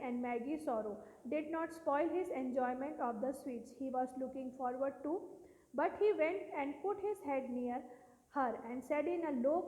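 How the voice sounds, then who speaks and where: High-voiced Indian English woman teacher, echoey room. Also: a little mellow. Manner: reads English slowly, then explains rapidly in Hindi. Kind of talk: reading a textbook chapter and explaining it. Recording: echoey room with long reverb.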